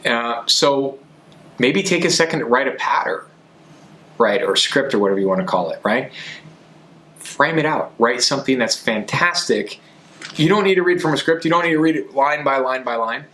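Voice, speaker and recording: Man, medium pitch, sales coach, podcast host, conversational, emphatic, repetitive for stress. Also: animated, moderate pace, fairly bright tone, slight background noise. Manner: emphatic, repeats key phrases for stress.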